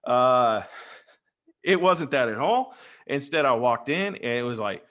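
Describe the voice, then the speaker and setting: A man's voice: mid-range voice, expressive, unhurried, a bit bright. Chatty man telling stories. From West Texas. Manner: chatty, rambling, jokey. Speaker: guest, Freemason. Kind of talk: casual storytelling interview. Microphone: desk microphone on a video call.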